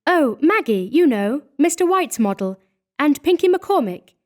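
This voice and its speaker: A man's voice: very high-pitched, sing-song, a little slow, voice pushed up, heavily acted. A man doing a chirpy young woman model. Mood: gushing. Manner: chattery, breathless gushing.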